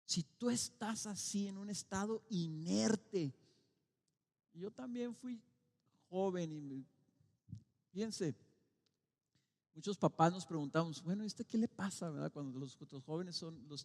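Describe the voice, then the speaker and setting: A middle-aged Mexican man preaching a sermon as pastor, dramatic and swinging between loud calls and quiet, slowly stressed words. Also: sits high, vocal fry. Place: church sanctuary. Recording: long reverb of a church hall.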